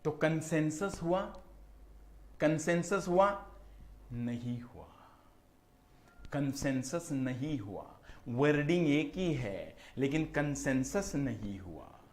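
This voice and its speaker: A man's voice: a little high, lively intonation, slow pace, darkish tone. A man with an Indian accent giving a classroom law lecture, chatty and checking in often with his students, mixing English terms into his talk. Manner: chatty teaching with frequent "right?" checks; mixes English terms into Hindi speech.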